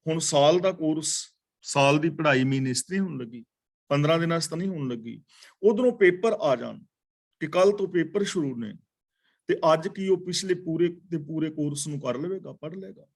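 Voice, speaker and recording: A man in his sixties teaches scripture in a katha class, speaking at a slow, measured pace. His voice sits somewhat high for a man, and he repeats key phrases to explain them. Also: animated. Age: 60s. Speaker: katha preacher. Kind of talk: scripture exposition.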